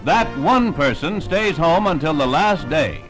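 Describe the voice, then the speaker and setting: A man's voice: on the high side, animated, measured pace, poor audio. Man narrating an old 1960s newsreel. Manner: formal announcer delivery. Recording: old newsreel voice-over with loud music behind. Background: music.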